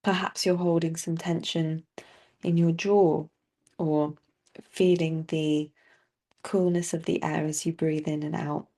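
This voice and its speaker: With a low voice that barely moves in pitch, a woman guides listeners through a body scan meditation. She keeps things soft and soothing, pausing at length without hurry.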